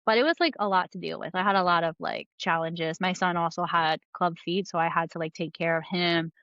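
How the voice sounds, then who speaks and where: Rambling woman guest, smooth muffled voice. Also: lowish voice, fairly even intonation, brisk, a bit bright, dry recording. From New Jersey. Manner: rambling with many fillers and laughs. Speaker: podcast guest, comic book artist. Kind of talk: casual conversational interview.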